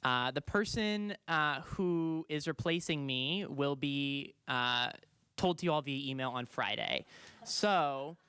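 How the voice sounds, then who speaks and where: Bright, crisp young man giving a report. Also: fairly high pitch, no echo. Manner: casual, halting with many fillers. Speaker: student board trustee. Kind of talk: board meeting report. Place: board meeting room.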